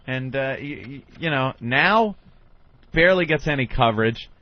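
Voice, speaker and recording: Wry New radio host. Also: male voice, mid-range voice, expressive, moderate pace, highs cut off. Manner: wry, mocking, drops into mimicking voices. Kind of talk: casual radio banter. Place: radio studio.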